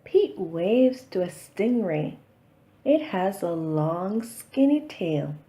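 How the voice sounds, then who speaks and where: Female storybook narrator for young children. Very slow delivery, animated intonation, expressive and deliberate. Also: medium pitch. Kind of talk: expressive read-aloud picture-book narration.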